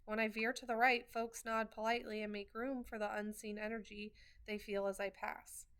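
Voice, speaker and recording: Higher-voiced woman reading a novel aloud. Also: level tone, normal speed, a bit bright. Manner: earnest, wry asides with small restarts. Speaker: reader of a novel. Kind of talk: first-person storybook reading.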